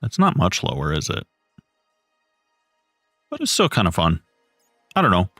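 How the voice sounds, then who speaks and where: A man in his thirties chatting casually with his live chat while building, relaxed and rambling. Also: low-pitched, measured pace, no echo. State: has the hiccups. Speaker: streamer. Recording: dry close mic, faint music behind.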